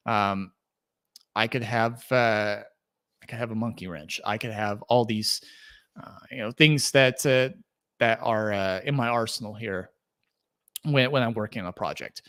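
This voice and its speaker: A young adult man hosts a solo sports podcast in a fairly low, slightly bright voice. He talks casually, thinking aloud and rambling through fillers and restarts.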